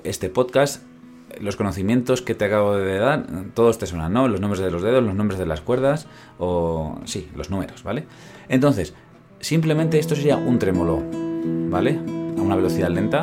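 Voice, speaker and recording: Male guitar teacher, low voice, patient step-by-step podcast lesson, soft guitar behind. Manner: explains step by step, often asks "¿vale?". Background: guitar playing between phrases.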